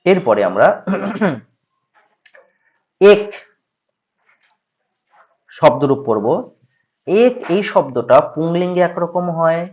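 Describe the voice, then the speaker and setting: A man with a Bengali accent teaching Sanskrit grammar, reciting word forms in slow drilled lists and quizzing his listeners. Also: on the high side, very animated, a little mellow. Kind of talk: grammar lesson, reciting declensions. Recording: dull lo-fi audio.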